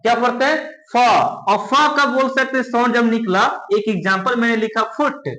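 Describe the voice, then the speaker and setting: A man's voice: very high voice, normal speed, pushed and bright, roomy sound, rough recording. A man teaching English letter sounds, repeating questions and answers to his students. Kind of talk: spoken English lesson.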